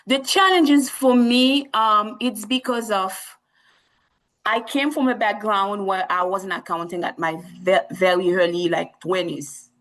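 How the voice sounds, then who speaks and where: A woman's voice: medium pitch, a little slow, fairly bright tone, low-quality recording. A woman from Haiti, a nurse practitioner, speaking earnestly as a podcast guest with many restarts. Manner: earnest, repeats herself, frequent restarts. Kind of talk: interview conversation.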